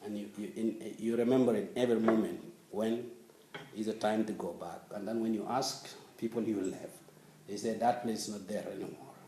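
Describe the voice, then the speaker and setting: A man speaking slowly and haltingly as he searches for words, giving a personal account in an interview. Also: lowish voice, steady tone. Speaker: interviewee, former refugee. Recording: echoey room with faint noise.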